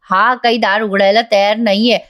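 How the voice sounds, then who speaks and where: A woman's voice: medium pitch, little pitch movement, moderate pace, fairly bright tone, a little hiss or hum. A woman chatting through a voice-over episode review of a TV serial, talking straight to the viewers. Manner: chatty, addresses viewers directly.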